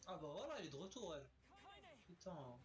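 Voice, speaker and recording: Talking at a quick pace in a voice on the high side, this let's player excitedly narrates his gameplay and swears at the enemies. The sound is picked up by a webcam's built-in mic.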